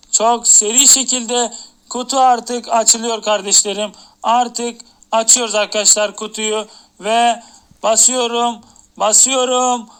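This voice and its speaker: Very high-voiced hyped male streamer. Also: fairly bright tone, smooth. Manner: repetitive, hyped countdown talk. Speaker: game streamer. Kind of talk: live game-stream chatter.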